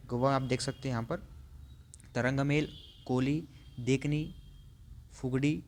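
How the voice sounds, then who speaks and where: A male teacher giving an online class, reading out long lists, slowing down on hard names and adding frequent fillers. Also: medium pitch, a little hiss or hum. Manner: reads out lists, adds frequent "theek hai" fillers; slows down to spell out hard names.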